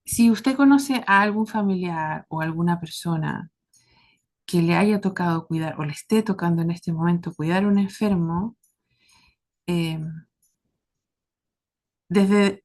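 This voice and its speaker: Speaking to listeners of her caregiving series, this Chilean-accented woman from southern Chile offers a thoughtful monologue. Short phrases come slowly and earnestly, separated by pauses, in a medium-pitched, somewhat dark voice.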